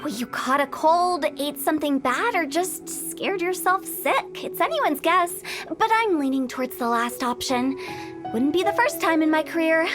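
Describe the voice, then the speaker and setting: A woman's voice: high voice, lively intonation, normal speed, music in the background. An actress playing a playful, mischievous young woman who runs a funeral parlor, talking in a teasing, theatrical way in a game cutscene. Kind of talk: video game voice acting.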